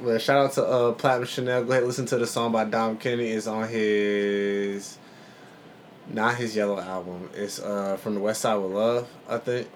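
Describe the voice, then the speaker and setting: A man's voice: lowish voice, flat delivery, moderate pace, a little hiss or hum. A man co-hosting a podcast in casual, comedic chat, slangy, rambling and playful. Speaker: podcast co-host.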